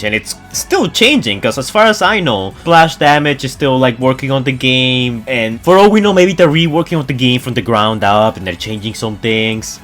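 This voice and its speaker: A gaming news YouTuber with a mid-range voice talks informally and excitably to his viewers. His commentary is casual and enthusiastic.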